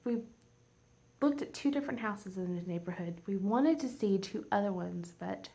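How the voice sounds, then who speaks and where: A woman in her forties, a home vlogger chatting casually, rambling and heartfelt and teary, often dropping to a soft near-whisper. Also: mid-range voice, animated, normal speed, gravelly. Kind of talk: casual chat.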